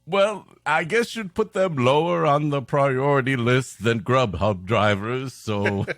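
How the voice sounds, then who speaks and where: A man's voice: medium pitch, slow pace, fairly bright tone, no echo, studio quality, soft background music. A man playing a jolly old Santa Claus in a comedy podcast, chuckling and theatrical. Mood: exasperated, joking.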